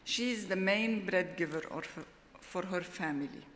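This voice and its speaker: A middle-aged woman gives a formal award acceptance speech at a podium microphone, in a slow, deliberate and heartfelt way. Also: fairly low pitch, a bit bright, slight background noise. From Lebanon. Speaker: award laureate. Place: large ceremony hall. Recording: long hall reverb.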